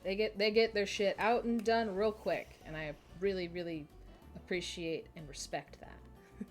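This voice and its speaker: Her pitch is medium and her intonation fairly even, and she speaks unhurriedly with faint music in the background. She's a Minnesotan woman in her twenties with a Midwestern American accent, giggling and making chatty, self-deprecating remarks during a casual game stream.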